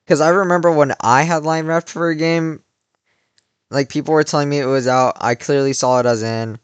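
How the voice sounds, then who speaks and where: His voice is on the high side, steady and smooth, at a moderate pace with no echo. A vlogger in his late teens, he tells a casual, rambling story packed with "like" and restarts. Cheering has worn his voice a little.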